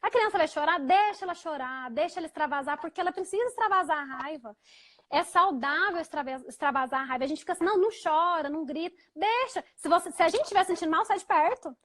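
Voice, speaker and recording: Very high-voiced Brazilian woman hosting. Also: lively intonation, quick pace. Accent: Brazilian Portuguese. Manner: hesitant, with frequent restarts and repeated fillers; gentle, soft-spoken when quoting what she tells her child. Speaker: host of a live chat on parenting. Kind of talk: casual explanatory chat.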